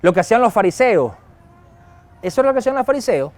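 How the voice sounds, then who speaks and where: A man preaching a sermon as pastor, lively and acting out quoted dialogue. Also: high-pitched, quick pace, no room sound. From Venezuela. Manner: lively, acts out quoted dialogue and chuckles often.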